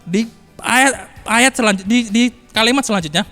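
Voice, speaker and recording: A man's voice: extremely high pitch, normal speed, bright, forceful tone, big-room sound, soft background music. A man preaching a morning devotional sermon, emphatic and repetitive, often calling out to his listeners. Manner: emphatic, repeats phrases, addresses listeners as saudara.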